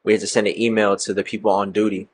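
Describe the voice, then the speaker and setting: A man's voice: on the low side, level tone, fast, slightly rough. A young man casually telling a profane story about a night out. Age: young adult. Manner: profane, laid-back storytelling.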